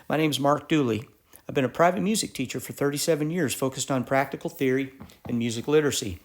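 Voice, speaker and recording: A middle-aged man teaching jazz articulation, explaining step by step in a methodical way with frequent restarts. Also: mid-range voice. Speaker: music teacher. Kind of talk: instructional lesson.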